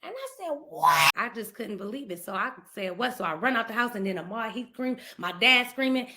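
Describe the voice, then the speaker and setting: A middle-aged woman from Ohio, a podcast guest, telling an emotional personal story and acting out the quoted dialogue in lively voices. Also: on the high side, brisk. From Ohio, USA. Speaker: podcast guest, speaker and author.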